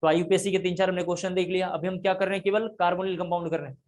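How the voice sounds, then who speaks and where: A man's voice: high-pitched, level tone, very fast, darkish tone. A man teaching a chemistry class, explaining step by step and repeating key points. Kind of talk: classroom lecture.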